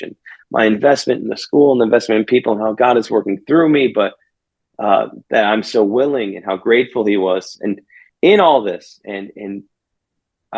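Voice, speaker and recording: Male pastor guest, earnest reflective storyteller, lowish voice, slightly dull lo-fi sound. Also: vocal fry, a little mellow, husky. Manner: earnest and reflective, often restarting phrases. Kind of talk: conversational storytelling.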